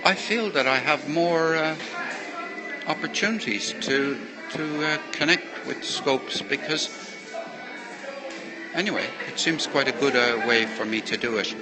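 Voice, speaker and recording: A man with a medium-pitched voice talks a little slowly and pauses often, casually chatting to livestream viewers as a poetry host, rambling and thanking people again and again. He speaks into a handheld earbud mic on a live phone stream from a busy café, where loud music and the chatter of other people sit behind his voice. The recording quality is low.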